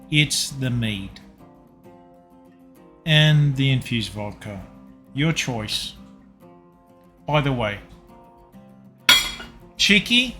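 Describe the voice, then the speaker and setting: A man's voice: fairly high pitch, a bit bright. A tipsy man hosting a home cooking livestream, rambling casually and talking to his chat viewers. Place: home kitchen.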